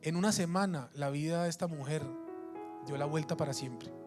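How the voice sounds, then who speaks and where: High-voiced man preaching a story. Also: normal speed, music in the background. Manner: storytelling, emphatic, with frequent restarts. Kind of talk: sermon.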